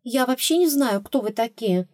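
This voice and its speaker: A woman's voice: fairly high pitch, animated, moderate pace, darkish tone, dry recording, studio quality, voice pushed up, close to an everyday voice. A woman voicing a nervous young woman thief and student, speaking in a raised, eager tone.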